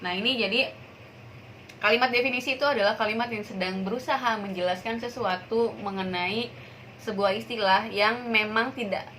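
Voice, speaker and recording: A woman's voice: medium pitch, moderate pace, sharp tone, slight background noise, rough recording. A young woman teacher giving a recorded grammar lesson, explaining step by step and asking rhetorical questions along the way. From Indonesia.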